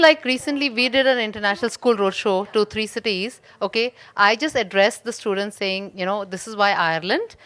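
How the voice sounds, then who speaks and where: A woman's voice: mid-range voice, fairly bright tone. A woman speaking off the cuff in a discussion as an education representative, emphatic and often checking that people follow. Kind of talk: unscripted discussion from the audience.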